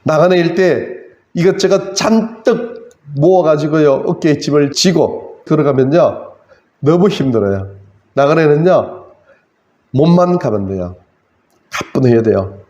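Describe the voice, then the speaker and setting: A man preaching a sermon, acting out tearful cries to God with swings in pitch and loudness. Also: echoey room, lo-fi sound. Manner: dramatic, acts out tearful prayers to God.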